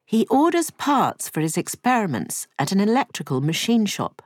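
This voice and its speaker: A woman narrating a cartoon story in a scripted, clear storybook manner. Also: medium pitch, very animated, moderate pace, darkish tone.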